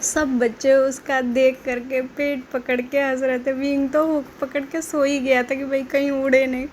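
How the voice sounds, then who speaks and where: Lady casually retelling a drama, chatty, keeps cracking up, slightly high voice. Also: flat delivery, moderate pace, slight background noise. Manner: chatty, quotes characters, breaks into laughter. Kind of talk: casual spoken plot retelling.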